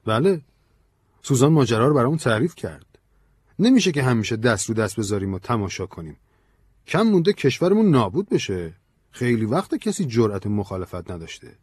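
A fiery, outspoken man who argues in heated, pushing bursts, raised well above the narrator's own pitch and louder, as a male narrator plays him. The reading is close and dry, in a storybook style. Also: big pitch swings, husky, no echo. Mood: urgent. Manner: heated, forceful.

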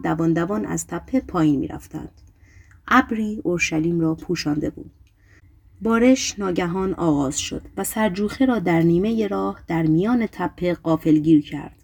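A woman reading a literary novel aloud as an audiobook narrator, in a measured, even storytelling delivery. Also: lowish voice.

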